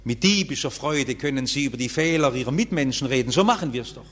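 Emphatic German pastor preaching in a hall. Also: male voice, animated, fast. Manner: emphatic preaching with wide swings in pitch and loudness. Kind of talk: sermon. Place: church. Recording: church hall reverb.

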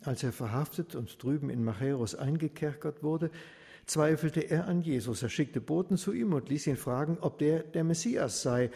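A man telling a story in the first person as a blind beggar, with a passionate delivery that swells into desperate shouts. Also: fairly high pitch, moderate pace, vocal fry. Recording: reverberant hall.

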